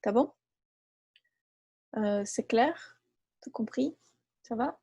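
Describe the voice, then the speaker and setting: A woman teaching a live online class who explains patiently and repeats each example slowly. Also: fairly high pitch, dark tone, slightly rough. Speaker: French teacher.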